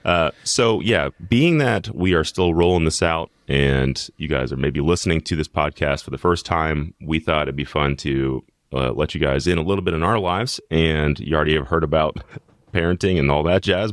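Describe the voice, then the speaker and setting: A man's voice: a bass voice, normal speed, dry recording, studio quality. A man co-hosting a podcast, chatting casually and in a friendly way with his co-host. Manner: friendly, chatty, many fillers.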